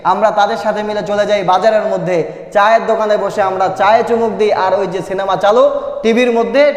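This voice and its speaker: High-voiced older male preacher in an echoey hall. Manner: rhetorical questions, chanted Arabic and Persian verses. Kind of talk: sermon. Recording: echoey hall, sound from a distance.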